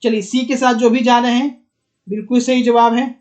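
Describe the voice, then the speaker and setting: A man's voice: very high voice, flat delivery, moderate pace, darkish tone. A man with a Bihari Hindi accent teaching an exam-prep lesson online, repeating words and coaxing students with questions.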